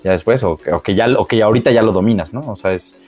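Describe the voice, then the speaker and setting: A man's voice: fairly low pitch, quick pace, a little mellow, breathy edge, faint music behind. A man co-hosting, chatting casually and rambling with many fillers. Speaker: co-host. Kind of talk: casual chat.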